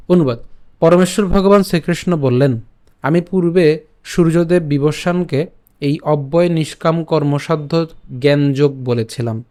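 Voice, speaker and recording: ধীরে শ্লোক উচ্চারণ শেখানো বাঙালি পুরুষ শিক্ষক. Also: male voice, on the high side, a little mellow. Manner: chants verses slowly, then explains quickly. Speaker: Gita recitation teacher. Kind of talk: slow syllable-by-syllable recitation lesson.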